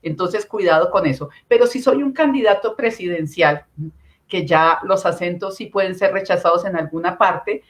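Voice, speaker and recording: A woman's voice: lowish voice, moderate pace. A woman with a Colombian accent, a communication consultant giving instructive explanations with examples during an online panel talk. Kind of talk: panel talk on video call.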